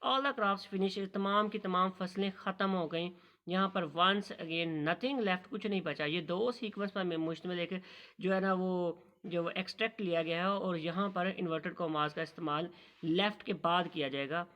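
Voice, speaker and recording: A man giving a recorded lesson on punctuation, reading English lines slowly and explaining them patiently. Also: sits high, pushed and bright. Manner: slow, careful reading of English lines, then explaining in Urdu; addresses students as "beta". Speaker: teacher.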